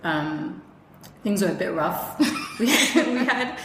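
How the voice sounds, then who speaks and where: A woman's voice: medium pitch, very animated, slow pace, fairly bright tone, a little hiss or hum. A Ghanaian woman in her thirties, chatting casually as an interview guest and laughing often between filler words. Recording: roomy echoey room with faint ambience.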